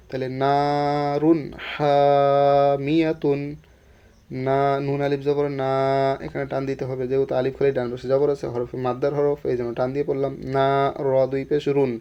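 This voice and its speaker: A man teaching Quran reading step by step, explaining each rule patiently and then reciting the words slowly and drawn out. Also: mid-range voice, mellow. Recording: dull lo-fi sound.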